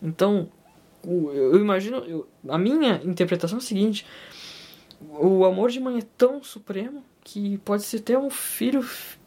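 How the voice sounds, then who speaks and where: A woman's voice: medium pitch, expressive, moderate pace, dark tone. A woman talking casually about a film, rambling with many fillers and joking asides to her viewers. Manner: rambling, full of fillers, self-deprecating asides. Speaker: film commentator. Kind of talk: casual film analysis vlog.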